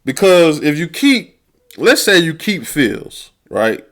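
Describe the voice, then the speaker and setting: A man's voice: a little high, very animated, takes it slowly, fairly bright tone. A man hosting a podcast, venting about football in a heated, profane, casual rant. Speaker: podcast host.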